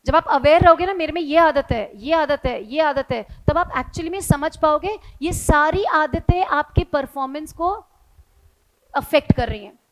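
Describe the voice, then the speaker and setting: A woman teacher with a bright, high voice talks earnestly to her students. She mixes English phrases into her advice and acts out their anxious thoughts with animated little voices. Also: a little slow. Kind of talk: motivational talk to students.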